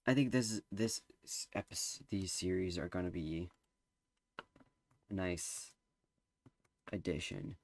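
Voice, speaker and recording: A teenage boy streams gameplay, offering casual commentary that rambles and hesitates with many fillers. His voice is low-pitched and slow with frequent pauses, and there's a little hiss or hum on the recording.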